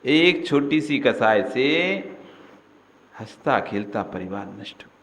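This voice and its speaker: A man, a Jain monk, giving a sermon that swings between acted-out shouted scolding and soft, gentle advice. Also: medium pitch, lively intonation. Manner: acts out scolding and gentle voices in quick swings. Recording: long hall reverb.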